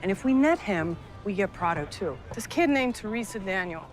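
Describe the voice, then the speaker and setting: An actress playing a tough, direct, sardonic federal drug agent in a naturalistic TV drama. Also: female voice, mid-range voice, lively intonation, normal speed, natural voice. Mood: businesslike.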